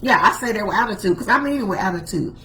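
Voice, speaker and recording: A woman pastor preaches a casual devotional sermon with a lively, swinging pitch. She hammers home short refrains and talks straight to her viewers. Her voice rings in an echoey room. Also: rapid-fire, slight background noise.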